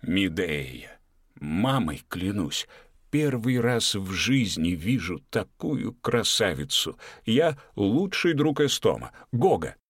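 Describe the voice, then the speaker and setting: A man voicing a boastful, flirtatious grown man with a wheedling, lively way of talking. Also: on the low side, takes it slowly, husky, no echo, studio quality, exaggerated voice. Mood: flirting.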